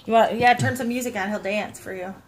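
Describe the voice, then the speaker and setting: A woman's voice: fairly high pitch, fairly even intonation, brisk, slight background noise. A mother on a casual family video call at home, playfully coaxing her small child, heard through a phone.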